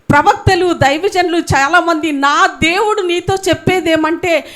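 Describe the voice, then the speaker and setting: A woman preaching a sermon, swinging between loud, high emphasis and soft, slow scripture reading, and telling a family story with acted dialogue.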